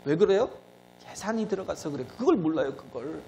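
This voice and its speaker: A man preaches in a high, lively voice that leaps up for emphasis and then sinks to a quiet low. He keeps throwing rhetorical questions at his congregation and prompts them for replies. A faint hum sits under the recording. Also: fairly quick, vocal fry, rough recording. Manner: swings between emphatic high lines and low, quiet drops. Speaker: pastor. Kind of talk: sermon.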